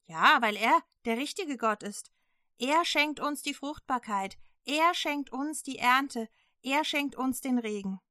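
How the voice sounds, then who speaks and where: A woman voicing an enraged, domineering queen who speaks in scornful, shrill outbursts. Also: lively intonation, takes it slowly, bright, forceful tone, no echo, clean studio sound, exaggerated voice. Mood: furious scornful.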